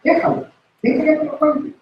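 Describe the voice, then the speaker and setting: A man preaching a lively sermon and acting out the voices in the story. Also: extremely high pitch, fairly quick, dull audio, a little hiss or hum. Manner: animated, acts out voices in the story. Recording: very echoey church recording from far off.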